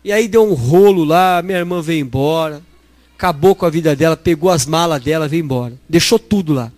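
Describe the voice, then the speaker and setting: A middle-aged Brazilian man preaching a lively sermon full of storytelling, who acts out dialogue and calls his listeners brothers. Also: a little high, brisk, no room sound. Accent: Brazilian Portuguese. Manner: animated, acts out dialogue, addresses congregation as brothers.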